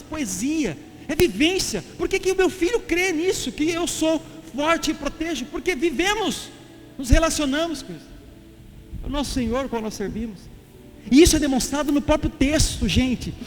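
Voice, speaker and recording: High-voiced Brazilian pastor preaching passionately. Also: male voice, expressive, moderate pace. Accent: Brazilian Portuguese. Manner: passionate, emphatic, addresses the congregation casually as "cara" and "gente". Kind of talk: sermon. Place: church hall. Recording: reverberant church hall with faint music.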